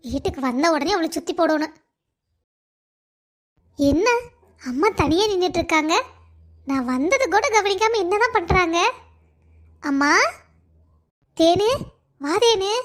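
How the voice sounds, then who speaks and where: A woman voicing a doting, bossy middle-aged mother in a cartoon story, fussing over her family. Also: very high voice. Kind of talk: Tamil cartoon voice acting.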